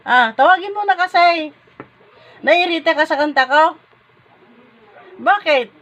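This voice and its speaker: A woman's voice: extremely high pitch, unhurried, fairly bright tone, lo-fi sound. A woman at home filming her dog and talking to it in a playful, coaxing way, laughing often. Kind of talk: casual talk to a pet. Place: at home, indoors.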